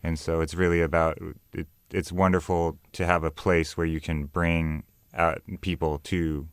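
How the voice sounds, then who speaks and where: A man's voice: low-pitched, level tone, unhurried, clear, resonant tone, no echo. A man talking casually as an artist guest in an interview.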